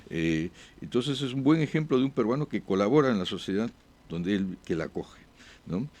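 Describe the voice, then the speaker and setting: A man speaking as a diplomat guest in an interview, with halting answers full of "eh" pauses and restarts. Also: lowish voice, expressive, darkish tone. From born abroad.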